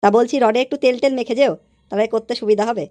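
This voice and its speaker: A woman's voice: fairly high pitch, quick pace, mellow, no echo, close to an everyday voice. A woman voicing a nosy, teasing male neighbour in a comedy cartoon.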